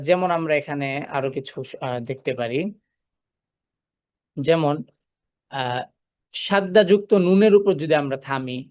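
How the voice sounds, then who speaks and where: A man giving a Quran recitation lesson in a voice pitched a little above the usual male range. He moves through each rule step by step, asking a question and then answering it himself. He slows right down whenever he recites an example verse.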